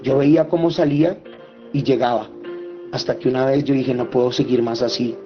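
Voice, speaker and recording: Talking fairly quickly with mostly even intonation, a man shares a heartfelt personal testimony. His voice rises sharply with feeling when he recounts the quarrels. Soft background music accompanies the somewhat muffled recording.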